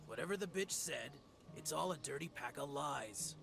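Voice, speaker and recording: An actor playing a cranky, sleazy shop boss in a video game, barking orders with contempt. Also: male voice, fairly high pitch, animated, normal speed, creaky. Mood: gruff. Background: game music.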